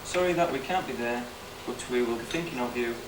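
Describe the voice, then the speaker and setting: A man gives an informal best man's speech, reading out cards in a hesitant, self-deprecating way. His mid-range voice is picked up from afar in an echoey room with clear background noise. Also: mid-range voice, fairly quick. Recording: echoey room, distant mic, noisy background.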